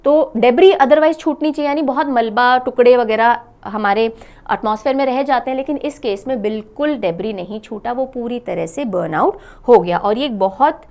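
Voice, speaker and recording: Woman, exam-prep current affairs teacher, fairly high voice, asks and answers own questions, Hindi mixed with English. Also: moderate pace, a little mellow. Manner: mixes English phrases into Hindi.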